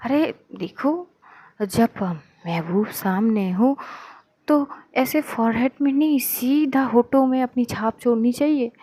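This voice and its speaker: A woman's voice: on the high side, slow, dark tone, no room sound. A woman voicing a teasing, coaxing young policewoman. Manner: pleading, teasing, insistent.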